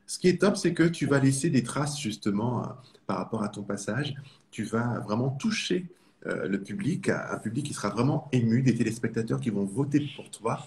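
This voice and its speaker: A man's voice: medium pitch, animated, moderate pace, a little mellow. A man from France hosting an interview, framing questions with enthusiastic praise for his guest. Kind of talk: interview host.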